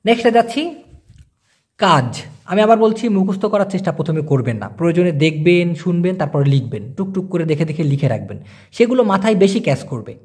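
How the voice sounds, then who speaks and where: A young man giving a casual spoken language lesson, explaining patiently and repeating each word slowly. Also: high-pitched, animated, a little mellow, slightly rough. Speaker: language teacher.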